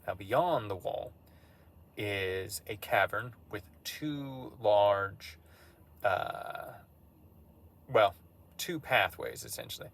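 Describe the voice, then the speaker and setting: A man casually recapping a tabletop game session, relaxed and conversational, with frequent fillers. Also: fairly low pitch, gravelly. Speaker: campaign recap narrator.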